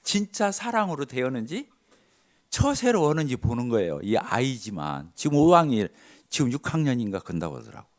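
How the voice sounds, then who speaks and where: A middle-aged male pastor tells church stories from the pulpit. His pitch rises and falls widely, and he acts out each person's words in a shifting voice. The pitch sits in the middle for a man. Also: moderate pace. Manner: animated, acts out dialogue with shifts of voice. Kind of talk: sermon storytelling.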